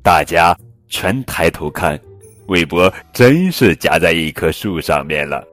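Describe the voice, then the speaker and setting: A man narrates a bedtime picture book for children. His voice is very low yet swings expressively up and down. Gentle music plays faintly under him. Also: big pitch swings, measured pace. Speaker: storyteller host. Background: faint background music.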